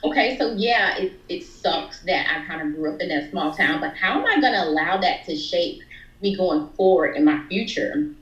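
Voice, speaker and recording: A young woman working as a counselor, telling her story in an animated casual way as a guest. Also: lowish voice, normal speed. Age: young adult. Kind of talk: casual conversation. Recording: roomy, dull lo-fi sound.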